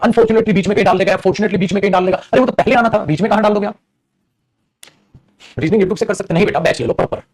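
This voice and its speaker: A man's voice: high-pitched, a little mellow. A man teaching English grammar in an online live class. He calls his students 'beta' fondly, mixes Hindi and English, and makes teasing asides.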